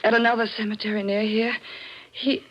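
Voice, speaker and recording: In an old-time radio thriller, this actress voices a proud but frightened wife who sounds shaken and pleading, her diction refined and theatrical. Her high-leaning, fairly bright voice is delivered flatly and a little fast. The recording is muffled and noisy.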